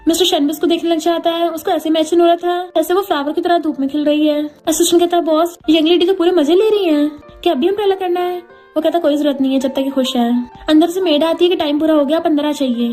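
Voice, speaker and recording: A woman with a very high, mellow voice races through a drama recap, voicing each character's lines in her own plain tone. Faint music plays underneath. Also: steady tone. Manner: retells every character's lines in her own voice with quick Hindi-English mixing. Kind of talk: fast storytelling recap of a drama.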